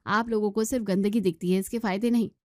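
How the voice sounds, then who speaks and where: A woman's voice: medium pitch, steady tone, fast, a little mellow, dry recording, clean studio sound, close to an everyday voice. A woman voicing a stubborn young daughter-in-law who answers back defensively and pleads.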